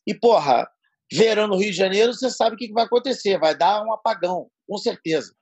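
Husky, high-voiced storyteller man. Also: a little fast, no echo. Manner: slangy, profane, animated storyteller. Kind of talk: casual storytelling.

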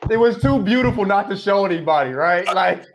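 A man's voice: high-pitched, lively intonation, fairly quick, crowd noise. A man bantering casually as a panelist, slangy and emphatic, often repeating his phrases. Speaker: show panelist.

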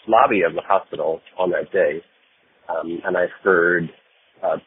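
Deep-voiced man leaving a voicemail. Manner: hesitant, many ums and uhs. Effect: leaving a voicemail over the phone. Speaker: caller. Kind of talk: recorded voicemail story. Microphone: phone. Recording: tinny phone line with faint noise.

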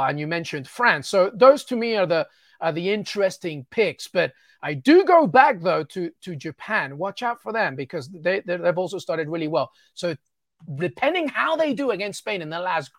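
Enthusiastic soccer analyst, dry sound. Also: male voice, fairly high pitch, no echo. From England. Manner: fluent and enthusiastic, with frequent stammered repeats. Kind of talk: interview analysis.

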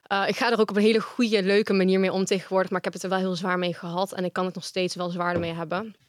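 Woman with a flat, level voice. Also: mid-range voice, quick pace, no echo, clean studio sound. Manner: frank, talks at length. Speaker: guest. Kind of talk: casual interview talk.

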